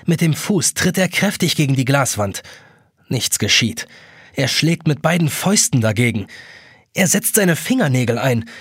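Brief: male storybook narrator, husky voice, very lively pitch, dry close sound. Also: dry recording. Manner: animated, acts out the characters. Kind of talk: expressive scripted story narration.

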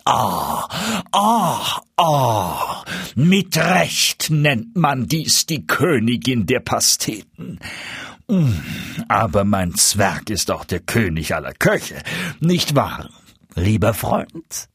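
A man voicing a proud, furious duke in a fairy-tale reading, shouting threats in a raised, strained voice. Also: medium pitch, big pitch swings, extremely slow, slightly rough, no echo, studio quality, heavily acted. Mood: savoring.

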